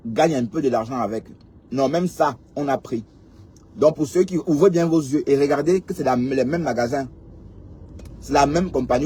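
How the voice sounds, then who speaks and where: A man's voice: mid-range voice, dark tone, husky. A man from Cameroon, ranting sarcastically to his viewers and firing rhetorical questions at them. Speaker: commentator addressing viewers. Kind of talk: casual ranting commentary. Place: in a vehicle on the road.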